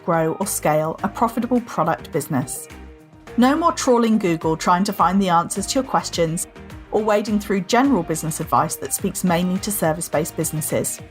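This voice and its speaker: A woman hosting a podcast, thanking her guest and reading an upbeat, polished outro. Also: mid-range voice. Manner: upbeat, friendly, polished promotional delivery. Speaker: podcast host. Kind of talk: interview hosting and scripted outro.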